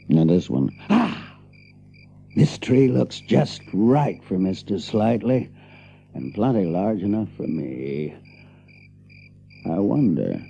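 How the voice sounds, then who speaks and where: A man's voice: rumbling low, vocal fry, warm tone, dull audio, slight background noise, full character voice. An actor playing a villainous pirate captain in an audiobook drama, gloating, sly and theatrical as he savors each menacing phrase. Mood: sly, scheming.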